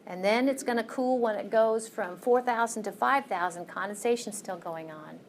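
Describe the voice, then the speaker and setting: A woman teaching a college class in a classroom, explaining each step patiently and pausing to ask "okay?". Her voice sits in a middle range. A faint hiss runs under the recording. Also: mid-range voice. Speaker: college lecturer. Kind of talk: classroom lecture.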